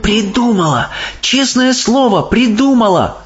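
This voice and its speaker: A man voicing a brave, indignant young orphan girl who is quick to protest, in a storybook reading. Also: extremely high pitch, very animated, pitched above the performer's own voice. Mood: eager. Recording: dull audiobook sound, faint music.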